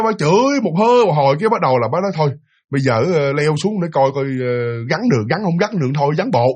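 A man's voice: high voice, slightly rough. A man telling a ghost story in a chatty way, full of fillers and talking straight to his listeners. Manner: chatty, with many fillers, addressing the listeners directly. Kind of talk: casual spoken ghost story.

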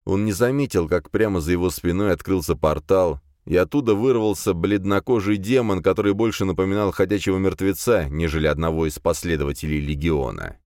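Man, very low voice, animated narration, dry studio sound, audiobook reading. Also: fairly quick, few pauses, no room sound.

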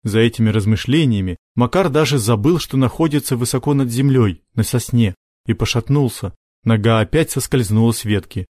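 Brief: male audiobook narrator, mid pitch, steady, dry close mic. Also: brisk, dry recording.

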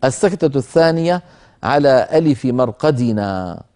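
A man hosting a televised lesson on Quran recitation, explaining the rules in a measured way and pausing to demonstrate them slowly. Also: medium pitch, expressive, dark tone. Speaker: Quran recitation teacher, program host.

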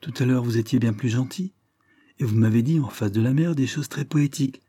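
A man's voice: mid-range voice, brisk, mellow, husky, no room sound, studio quality, close to an everyday voice. A man voicing a tender, sentimental young woman in a read novel. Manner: pleading, affectionate.

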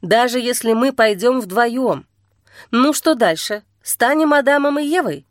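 Calm young man, voiced by a woman, slow steady coaxing, dry close sound. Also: fairly high pitch, dry recording. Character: calm young man soothing a frightened girl.

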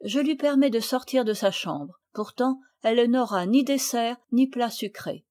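A dignified mother who speaks in a measured, severe way, stern but fair, voiced by a woman reading the story. Her voice stays fairly high and composed. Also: a little mellow, lightly acted.

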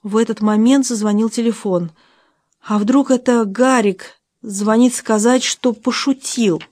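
A woman reading first-person audiobook narration in an expressive, emotional way on a close studio mic. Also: a little high, measured pace, no echo.

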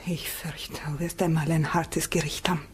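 A brave young farm girl speaks earnestly. Her voice is soft and breathy. It sounds like a 1960 radio drama. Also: medium pitch, a little slow. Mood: sorrowful. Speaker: Regina. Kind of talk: 1960 radio play acting.

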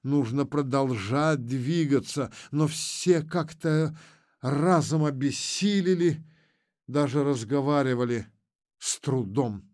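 A man narrating an audiobook in a measured storytelling voice. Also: medium pitch, a little mellow, no echo, clean studio sound.

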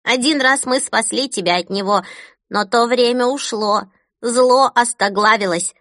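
A woman voicing a small male elf dandy, gentle and sad, warning a girl tenderly. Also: a little high, measured pace, dry recording, studio quality. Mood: urgent.

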